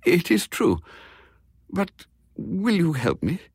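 A man voicing a fussy, eager elderly English gentleman with precise, polite speech in a storybook reading. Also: sits high, huge pitch swings, slow, creaky, slightly rough, dry recording, studio quality, pitched above the performer's own voice, full character voice.

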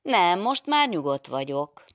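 A woman's voice: on the low side, big pitch swings, dry recording, studio quality, voice pushed up. A woman voicing a jovial old male priest-teacher who teases in a mocking, good-humoured way. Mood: teasing.

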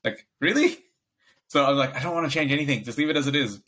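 Chatty man with a bright tone. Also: medium pitch, fast, slight background noise. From Bangladesh. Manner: rambling, laughs often, acts out quoted dialogue. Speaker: podcast co-host. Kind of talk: casual chat.

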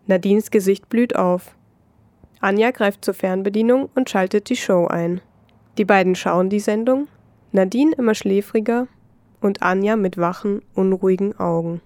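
Woman reading a story aloud, calm, dry close sound. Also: mid-range voice, no echo. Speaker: narrator. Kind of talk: audio story narration.

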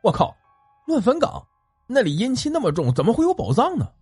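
A man's voice: very high-pitched, a little fast, husky, dry recording, clean studio sound, faint music behind, exaggerated voice. A man doing a brash young disciple. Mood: excited. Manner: excitable, brash. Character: brash young male disciple, lustful and excitable.

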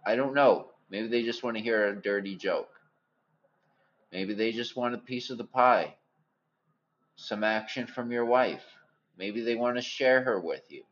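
A man with a gravelly smoker's voice giving a candid, theatrical, rambling personal monologue as a host, in a wordy way. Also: mid-range voice, unhurried, fairly bright tone, dull audio.

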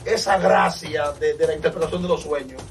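A man, a pastor, giving an impassioned testimony that swings from loud exclamations to hushed storytelling. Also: fairly high pitch, steady tone, a little fast, vocal fry, recorded from a distance, faint music behind. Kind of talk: fervent preaching testimony.

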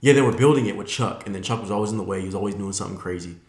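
A man's voice: on the low side, very fast, darkish tone, roomy sound. A young man hosting a podcast in casual chat, joking and rambling with lots of fillers. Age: young adult. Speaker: podcast host.

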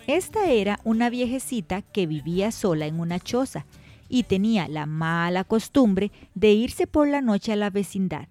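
Mellow woman narrating children's stories. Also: medium pitch, animated, moderate pace, no room sound, faint music behind. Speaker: storyteller host.

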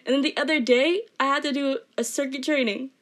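A teenage girl talks through her day in a loose, chatty vlog. Her delivery is mostly even and a little monotone, and she strings thoughts together with constant fillers. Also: high voice, a little fast. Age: teens. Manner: rambling, filler-heavy talk with frequent "like"; self-described monotone delivery. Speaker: student vlogger. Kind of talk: casual vlog chat.

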